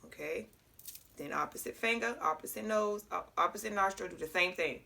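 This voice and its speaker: A woman's voice: on the low side, brisk, vocal fry, pushed and bright. Congested woman teaching breathing exercises. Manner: talks straight to viewers, checks in with frequent "okay?". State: congested, slightly clogged. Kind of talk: casual guided breathing lesson.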